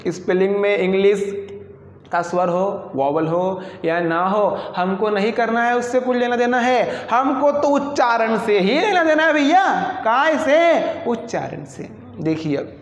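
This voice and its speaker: A man teaches an exam-prep lesson in a chatty, repetitive way, asking the class questions and answering them himself. His voice sits high for a man. The room rings with a long, hall-like reverb. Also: lively intonation, a little slow. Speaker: English teacher.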